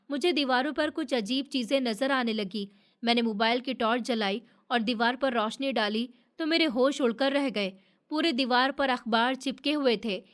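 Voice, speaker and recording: A woman narrating a dramatic moral story in steady, scripted first person. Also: a little high.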